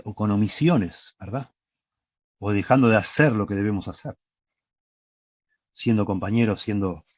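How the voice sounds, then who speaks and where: The clean, dry studio recording captures a church sermon by a man with a lowish, darkish voice and a Rioplatense Spanish accent. He teaches methodically, stopping often to ask the congregation "¿sí?"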